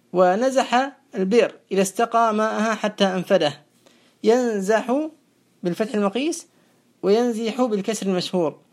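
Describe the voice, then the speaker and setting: A teacher giving a classroom lecture on a grammar poem, slowly repeating verb forms, asking questions and answering them. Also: mid-range voice. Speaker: teacher of Arabic morphology.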